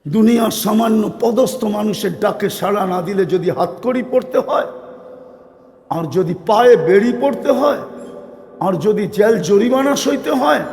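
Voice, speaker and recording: A man delivering a fervent sermon in a high, strained register that climbs into shouts. His voice booms through a microphone and rings out across a reverberant space. The long echo trails after every phrase. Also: unhurried. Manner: impassioned, rising to shouts. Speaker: preacher. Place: large outdoor religious gathering. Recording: echoey hall sound.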